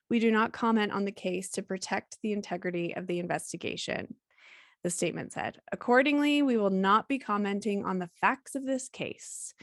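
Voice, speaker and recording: A woman's voice: medium pitch, no room sound. A woman co-hosting a true-crime podcast, reading court statements aloud and adding dry, sarcastic asides. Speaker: podcast co-host.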